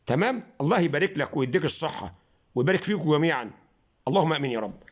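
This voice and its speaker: A man with an Egyptian accent teaching Quran pronunciation in a casual lesson, coaxing his listeners and often checking that they follow, slowing down to demonstrate letters. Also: a little high, expressive. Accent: Egyptian Arabic. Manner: coaxing, repeats "تمام؟" often, slows down to demonstrate letters and recite verses.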